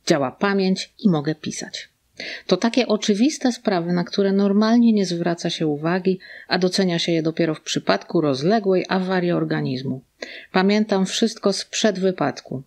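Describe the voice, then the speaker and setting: A middle-aged woman reading a first-person excerpt from a novel aloud, calm and measured, in a library. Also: fairly low pitch. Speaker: reporter reading a book excerpt. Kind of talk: read-aloud book excerpt. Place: library reading corner, indoors.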